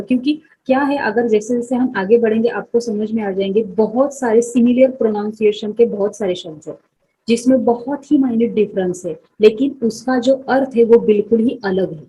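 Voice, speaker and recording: A young woman explaining vocabulary step by step in a relaxed lesson, repeating words slowly and asking checking questions. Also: on the high side, a little hiss or hum, poor audio. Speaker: Japanese teacher. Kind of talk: Hindi-English vocabulary lesson.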